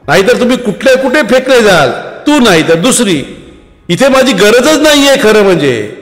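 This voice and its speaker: A male storyteller voicing a defiant, ambitious young actress of about twenty, brash and self-assured. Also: high voice. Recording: long reverb, faint music.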